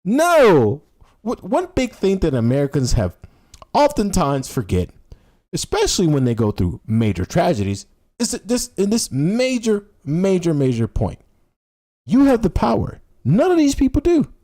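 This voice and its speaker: Sarcastic man ranting, wildly swinging pitch. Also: wildly swooping pitch, moderate pace, mellow. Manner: sarcastic, scornful exposé; profane, emphatic, with rhetorical questions. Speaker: political livestreamer. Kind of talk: unscripted political rant on a livestream.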